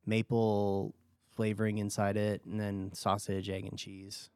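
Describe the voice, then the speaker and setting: A married man co-hosting a casual podcast, speaking quickly and offhandedly. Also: lowish voice, monotone, a little mellow, clean tone, no echo, studio quality. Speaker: podcast co-host. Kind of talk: casual chat.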